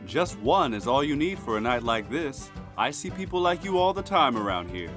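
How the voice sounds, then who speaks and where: A man playing a brash, slick street hustler pitching loose cigarettes in a comedy sketch. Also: sing-song, moderate pace, fairly bright tone, faint music behind. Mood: slick, persuasive. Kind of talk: comedy sketch acting with sales patter.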